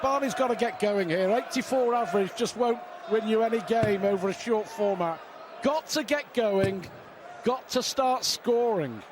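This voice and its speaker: A man's voice: high-pitched, normal speed, a crowd in the background. A man giving live darts commentary in an emphatic way, repeating phrases for effect. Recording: clear venue noise behind the voice.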